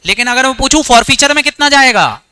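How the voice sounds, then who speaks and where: A man's voice: lively intonation, brisk, pushed and bright, smooth. A man teaching an accounts revision class, firing questions at students and answering them himself. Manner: quizzes students, answers his own questions in a low voice; mixes English terms into Hindi. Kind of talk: exam revision lecture.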